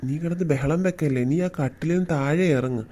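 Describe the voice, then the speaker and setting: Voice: medium pitch, fairly quick, mellow, lightly acted. Someone playing a mild, easygoing father. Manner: mild, coaxing, apologetic. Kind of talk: family comedy skit.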